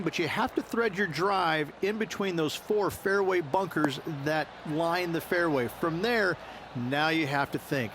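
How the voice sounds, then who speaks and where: A man's voice: on the high side, background noise, natural voice. A man playing a golf commentator in a video game, explaining in a conversational analyst's manner.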